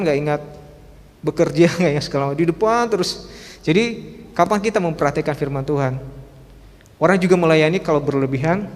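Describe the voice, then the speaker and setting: A man preaching at a youth service in a casual, humorous way, chatting and laughing often as he talks. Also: a little high. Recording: long hall reverb.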